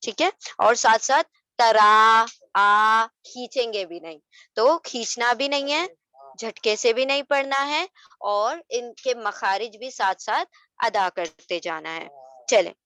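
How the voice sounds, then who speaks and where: A woman's voice: on the high side, unhurried, pushed and bright. Patient woman teaching recitation. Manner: patient, corrective, mixes English into Hindi-Urdu. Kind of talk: online tajweed lesson.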